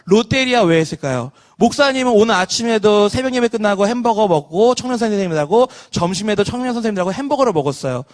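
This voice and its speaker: A man's voice: sits high, lively intonation, quick pace, few pauses. A pastor in his thirties giving an online children's sermon, asking the kids questions and leading call-and-response. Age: 30s.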